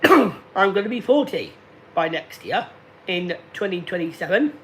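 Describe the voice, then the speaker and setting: A man in his late thirties talking slowly and deliberately to viewers on a casual live stream, repeating himself often. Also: sits high, sing-song, pushed and bright, a little hiss or hum. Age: 30s. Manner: slow, deliberate and repetitive. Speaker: livestreamer.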